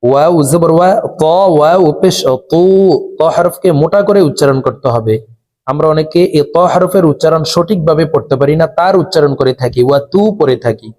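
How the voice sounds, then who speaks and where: A man with a slightly high voice leads a recitation lesson. He spells out each letter with its vowel mark in a calm, measured way, then chants whole words slowly with the long vowels drawn out. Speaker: Quran recitation teacher.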